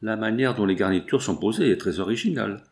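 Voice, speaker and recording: A moody, gracious young heiress in poor health, as a male narrator reads her, polite and refined. The voice moves through a wide, lively pitch range. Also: fast talker. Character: rich sickly young woman, gracious but moody.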